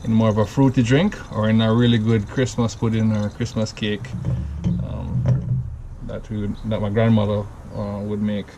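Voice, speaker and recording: His voice is lowish and level, at normal speed, with background noise: a Jamaican-accented man from Jamaica running a home cocktail vlog. He talks casually through a drink recipe step by step, rambling and correcting himself as he goes.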